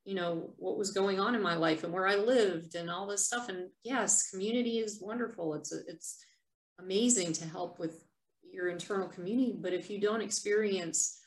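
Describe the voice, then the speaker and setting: A woman reading her own poem and then talking it over in a soft, unhurried, reflective way. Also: mid-range voice. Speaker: vlogger sharing her poems. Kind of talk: poetry reading and reflective talk. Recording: echoey room.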